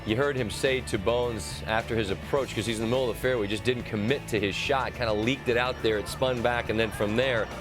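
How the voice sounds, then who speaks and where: A man working as a golf commentator, narrating tournament highlights over music. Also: fairly even intonation, brisk, few pauses. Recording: music bed under the voice.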